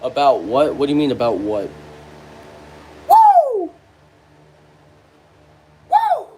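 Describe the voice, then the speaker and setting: A man's voice: mid-range voice, fast, a little mellow, slightly rough. A young adult man chatting loosely to viewers on a live stream, rambling and breaking into bits of rap and singing. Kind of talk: casual live-stream chat.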